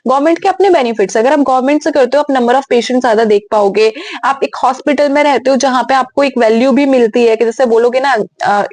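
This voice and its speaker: Casual, frank young woman answering viewer questions, high-ish voice, dry sound. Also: a little mellow, no echo. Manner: frank, direct, mixes English words into Hindi. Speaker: physiotherapy channel host. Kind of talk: casual Q&A advice talk.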